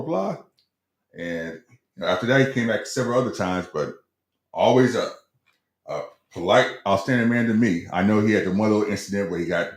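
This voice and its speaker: A middle-aged man co-hosting a casual sports talk show, hedging and stumbling over repeated words as he tells stories. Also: low voice. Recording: roomy echo.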